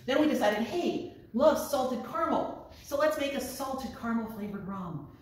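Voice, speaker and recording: A woman's voice: high-pitched, lively intonation, moderate pace, a little mellow. Fifties woman chatting about her distillery, eager storyteller, roomy echo, a bit far from the camera. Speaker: distillery owner. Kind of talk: casual chat. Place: small distillery room, indoors. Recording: echoey room from far off.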